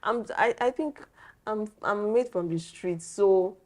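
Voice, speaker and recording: A woman guest on a talk show, playful and quick to agree with the others. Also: medium pitch. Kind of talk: casual studio chat.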